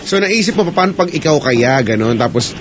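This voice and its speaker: Playful radio host man, lively pitch. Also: a little fast, a crowd in the background. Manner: teasing, playful, bursts into crooning. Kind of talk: late-night radio call-in chat.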